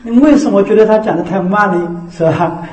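Guy monk-teacher giving a dharma talk, slightly high mellow voice, slows right down reciting scripture, roomy echoey recording. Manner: repeats the tag "是吧" as a rhetorical check. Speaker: Buddhist teacher. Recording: echoey room.

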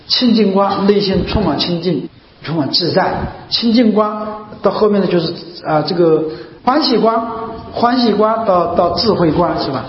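High-voiced man giving a Buddhist talk. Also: moderate pace, slight background noise. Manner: repetitive, rhetorical questions. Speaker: Buddhist teacher. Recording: echoey hall, dull lo-fi sound.

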